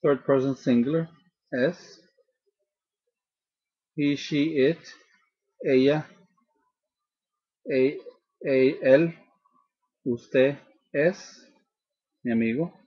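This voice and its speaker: A man teaching a grammar lesson slowly and patiently, often repeating and restarting his phrases. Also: medium pitch, breathy edge. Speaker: language teacher. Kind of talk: slow, deliberate grammar lesson. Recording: dull lo-fi recording.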